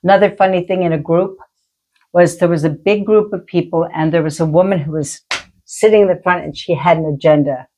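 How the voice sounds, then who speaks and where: A woman's voice: fairly low pitch, fairly even intonation, brisk, a little mellow. A middle-aged woman, a healer and medium, chatting and telling stories, acting out the voices she quotes. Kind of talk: casual chat, storytelling.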